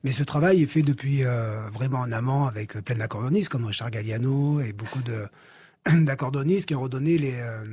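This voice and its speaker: A man, an accordionist guest in a live radio interview, talking haltingly with many fillers. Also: mid-range voice, darkish tone, breathy edge.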